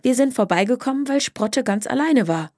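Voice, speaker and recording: A gentle but brave young girl from a children's storybook, earnest and kind, voiced by a woman reader. Her voice is lifted and light. The recording is dry. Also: a little high, expressive, moderate pace, no room sound, voice pushed up. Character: warm, brave young girl caring for a baby.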